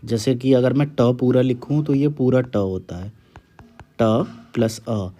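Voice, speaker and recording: Slow, dark-voiced man dictating words. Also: mid-range voice. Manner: slow dictation, repeating each word twice. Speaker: Hindi teacher. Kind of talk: word dictation.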